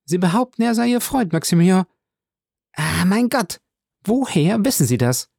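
A man's voice: high voice, very animated, moderate pace, vocal fry, darkish tone, husky, no echo, studio quality, voice pushed up, exaggerated voice. A man voicing an anxious, earnest young woman in love, speaking in a pleading, emotional way in an audiobook.

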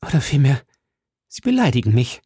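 A man's voice: mid-range voice, very animated, a little fast, warm tone, slightly rough, dry recording, studio quality, pitched above the performer's own voice. Man voicing a tense, cornered noblewoman. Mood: indignant.

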